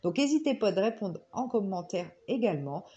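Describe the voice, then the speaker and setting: A woman's voice: mid-range voice, lively intonation, fairly quick, dark tone, slightly rough, lo-fi sound. Nasal woman with a head cold. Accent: northern French (Ch'ti). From northern France. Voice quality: nasal, slightly hollow. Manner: hesitant, rambling with many fillers. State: head cold, stuffy and nasal, sore throat. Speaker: crafting vlogger. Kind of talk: casual chat to viewers.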